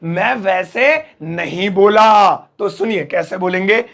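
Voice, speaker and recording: A man teaching English phrases to Hindi speakers, drilling each phrase slowly word by word with playful asides to viewers. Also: high-pitched, vocal fry, fairly bright tone. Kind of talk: Hindi-language English lesson.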